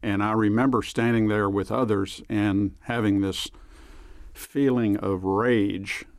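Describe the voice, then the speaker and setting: A man recalling what he witnessed in a measured, somber documentary interview. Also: on the low side, fairly even intonation, dry recording, studio quality. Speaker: eyewitness interviewee.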